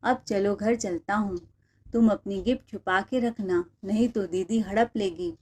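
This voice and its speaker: A woman's voice: mid-range voice, unhurried, a little mellow, husky. A woman voicing an easygoing young husband who teases his wife kindly. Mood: teasing.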